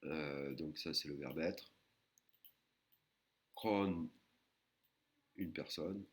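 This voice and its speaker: A man teaching a recorded language lesson, patiently explaining and sounding out words slowly, syllable by syllable. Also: extremely low pitch, a bit bright. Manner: slow, careful, syllable-by-syllable pronunciation of Thai words.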